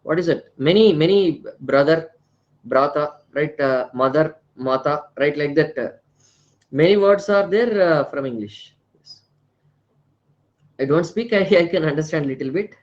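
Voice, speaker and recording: A man with an Indian accent and a high-pitched voice teaches an online class. He repeats his points, often ending them with little check questions, and slips Hindi words into his English. The audio is a bit dull and lo-fi. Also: a little slow. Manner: repeats phrases, frequently tags questions with right and na. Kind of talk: live online lecture with frequent check questions.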